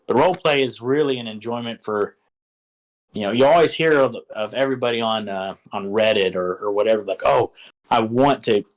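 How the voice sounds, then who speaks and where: A man's voice: mid-range voice, rough recording. Rambling man giving game master tips. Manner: rambling, filler-heavy, enthusiastic. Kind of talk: casual instructional talk.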